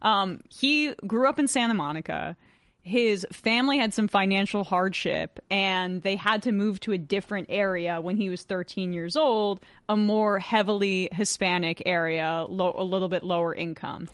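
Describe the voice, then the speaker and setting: A woman co-hosting, giving animated casual commentary on a video clip. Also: mid-range voice, normal speed, no echo. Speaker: co-host.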